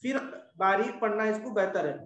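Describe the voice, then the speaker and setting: Male tajweed teacher, high voice, patient and repetitive, drawn-out examples, echoey room. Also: distant mic. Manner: patient, repetitive explaining, stretches out example words. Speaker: Quran recitation teacher. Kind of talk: classroom lesson on tajweed rules.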